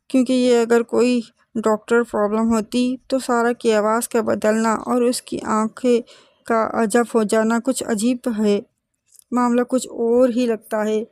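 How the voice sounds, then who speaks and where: A woman voicing a calm father in a horror story, speaking in a firm, reassuring way. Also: a little high, no room sound, natural voice. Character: calm, steady father comforting his family.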